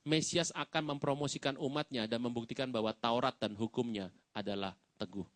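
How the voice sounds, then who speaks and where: A man's voice: medium pitch, dry recording. A male pastor giving a sermon in a church, telling stories casually and acting out the quoted lines. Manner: casual storytelling, acts out quotes and jokes with the congregation.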